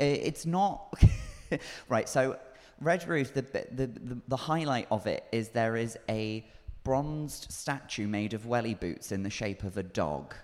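A man with a posh English accent, chatting casually with dry, playful jokes. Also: mid-range voice. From Cornwall, England. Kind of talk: casual comic chat. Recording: echoey hall reverb.

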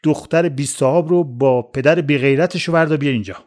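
A man doing a gruff bullying police officer. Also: a little high, a little mellow, lightly acted. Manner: barking orders, then fawning politely.

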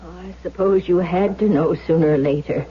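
A woman's voice: on the low side, normal speed, breathy edge. An actress playing a frightened, deferential woman in a haunted-house radio drama. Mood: resigned, fearful. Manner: fretful, deferential. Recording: dull old radio broadcast.

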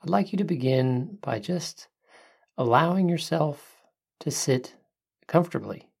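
A calm meditation podcast host with a medium-pitched voice, guiding the listener in short, soothing phrases. The delivery is very unhurried, with long pauses between instructions. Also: gravelly, husky. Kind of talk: guided meditation narration for a podcast.

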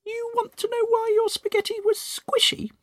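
A man reading aloud and voicing a cruel, gloating old woman from a children's book in a shrill, mocking falsetto. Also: sing-song, a little slow, vocal fry, no room sound, exaggerated voice. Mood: taunting.

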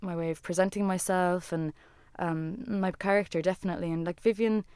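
Smooth, low-voiced woman in relaxed chat. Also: brisk, no echo, studio quality. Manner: rambling, heavy use of "like" fillers. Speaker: guest, musician and former designer. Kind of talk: casual interview chat.

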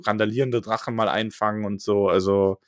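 Relaxed mid-voiced man, dry sound. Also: lowish voice, no room sound. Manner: relaxed, retells scenes in quick asides. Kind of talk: casual book-discussion chat.

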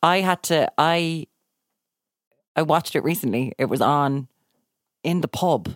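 A woman with a Cork Irish accent, an animated, emphatic guest in casual podcast chat. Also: deep voice, unhurried, dry recording, studio quality. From Ireland (Cork).

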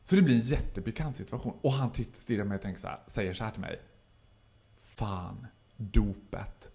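A man telling a story in casual podcast chat, laughing and acting out the voices of the people in it. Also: mid-range voice. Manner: animated, laughing, acts out quoted voices.

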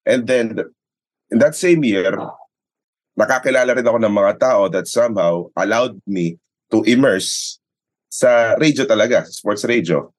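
A man with a Filipino accent speaks at a normal pace in a lowish voice, and the recording is rough. He's a sports announcer appearing as an interview guest, telling stories conversationally, switching between English and Tagalog and repeating phrases for emphasis.

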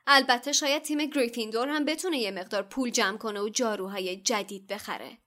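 A woman's voice: a little high, pushed and bright. A woman voicing a smug, oily schoolboy rival who taunts the others. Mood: smug taunting.

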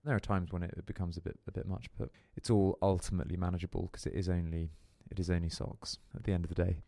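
A man's voice: sits low, steady tone, quick pace, vocal fry, warm tone, no room sound. A young man talking casually as a podcast guest, rambling with lots of fillers and restarts. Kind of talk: casual interview chat.

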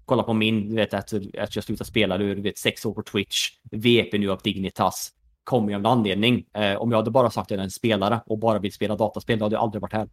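A Swedish man in his thirties, once a pro gamer and now an esports executive, chats on a casual podcast. His voice is on the low side with little pitch movement, and he leans on fillers and "you know" asides.

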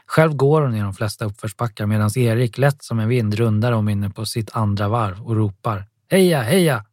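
A man reading an audiobook novel aloud in a steady scripted narration. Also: lowish voice, no echo, clean studio sound.

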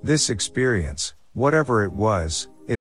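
A man narrating a horror story in a steady, measured way. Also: fairly low pitch. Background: faint background music.

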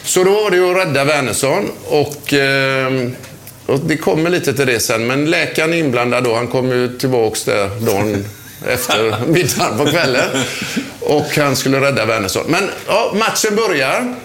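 A man's voice: medium pitch, lively intonation, fairly bright tone, a little hiss or hum. An older man, a former footballer, telling a chatty anecdote about an old match, often laughing as he speaks. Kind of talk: anecdotal storytelling.

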